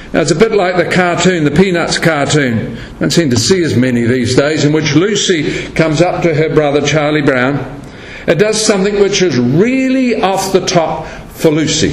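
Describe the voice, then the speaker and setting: Preaching man in an echoey church. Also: a little high. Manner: storytelling, acts out quoted voices. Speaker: pastor. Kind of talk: sermon. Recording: echoey room with faint background noise.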